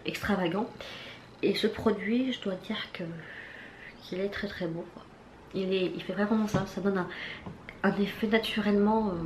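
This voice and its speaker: A woman's voice: mid-range voice, darkish tone. A woman casually reviewing her latest makeup purchases, chatty and hesitant, with lots of fillers and restarts. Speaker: beauty vlogger. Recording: echoey room with faint background noise.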